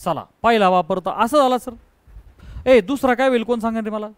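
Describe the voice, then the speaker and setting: High voiced math teacher guy, keeps asking the class if they get it. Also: fairly quick, clear, resonant tone, no room sound, low-quality recording. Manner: drills students with call-and-response questions; mixes English math terms into speech. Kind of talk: classroom lecture.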